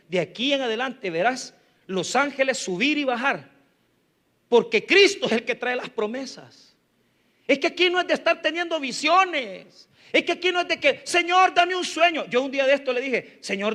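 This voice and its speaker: A man preaching a sermon, telling personal stories with humor and swinging between loud emphasis and soft asides. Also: very high-pitched. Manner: tells personal anecdotes with humor. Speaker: pastor.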